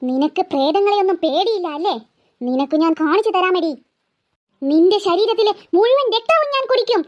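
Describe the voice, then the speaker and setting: A performer voicing a bloodthirsty ghost that has taken a girl's shape, speaking in slow, low, gloating threats. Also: expressive, dull audio. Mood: menacing. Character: menacing ghost girl, bloodthirsty and sneering. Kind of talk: cartoon voice acting.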